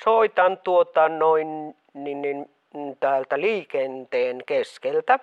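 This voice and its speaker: A woman's voice: sits low, smooth, natural voice. A woman playing a pushy meddling mother on a phone line. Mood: disguised. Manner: stubborn, pushy. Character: meddling mother faking several callers' voices. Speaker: caller, the host's mother in disguise. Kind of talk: radio comedy sketch.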